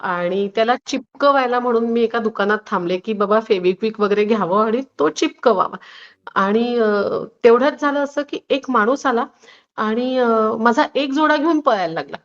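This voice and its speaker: A woman guest tells her stories in a calm, reflective way. She often pauses and hesitates as she talks. Her voice sits on the higher side, and the recording sounds dull and lo-fi. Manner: reflective, anecdotal, with many hesitations. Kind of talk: personal storytelling in conversation.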